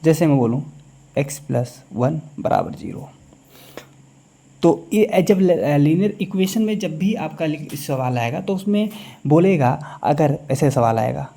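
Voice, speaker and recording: A man teaching a maths lecture in a classroom style, who keeps pausing to ask the class quick check questions. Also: fairly high pitch, expressive, vocal fry, dark tone.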